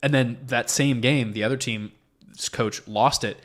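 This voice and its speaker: A young man hosting a podcast, telling animated stories from his school sports days in casual conversation. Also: medium pitch, measured pace. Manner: animated storyteller, acts out quotes. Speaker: podcast host.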